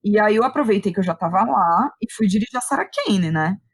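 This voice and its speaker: A playwright and director with a Brazilian accent is the guest in this reflective interview, talking through her thoughts and checking in often with quick tag questions. Her medium-pitched voice is expressive and fairly quick, with a breathy edge.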